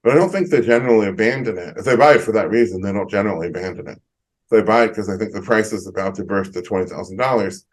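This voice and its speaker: A middle-aged man, an economist guest on a video call, explaining in a measured way with frequent ums. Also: on the low side, poor audio. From United States. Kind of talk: interview answers.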